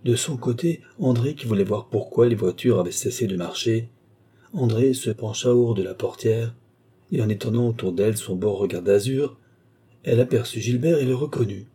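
Male audiobook narrator, dark and mellow, measured delivery. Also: medium pitch, breathy edge.

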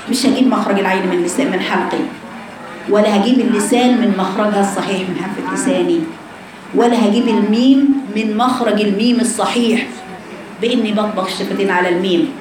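A woman with an Egyptian accent teaching a recitation lesson to women, explaining slowly and voicing letter sounds aloud to demonstrate. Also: fairly high pitch. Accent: Egyptian Arabic. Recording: echoey room with background noise.

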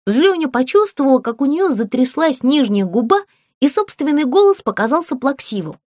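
A woman reading a children's story aloud in a lively, expressive way. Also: high-pitched, normal speed, dry recording, clean studio sound.

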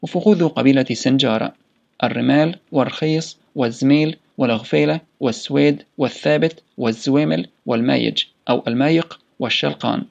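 Guy reading a memoir out loud, list after list, kinda rough voice. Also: medium pitch, brisk, lo-fi sound. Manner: steady reading of name lists with asides. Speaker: reader. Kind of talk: audiobook reading.

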